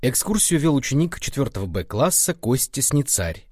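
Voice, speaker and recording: A man reading a story aloud in a measured, expressive narration. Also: mid-range voice, no echo, clean studio sound.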